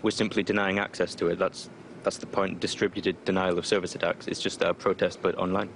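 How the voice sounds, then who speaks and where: Man with a disguised deeper voice. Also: level tone, brisk, creaky, a bit bright, a little hiss or hum. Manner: defiant, loose, many fillers. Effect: voice disguised lower. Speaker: spokesperson for online activist group. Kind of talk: remote interview answers. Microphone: remote call connection.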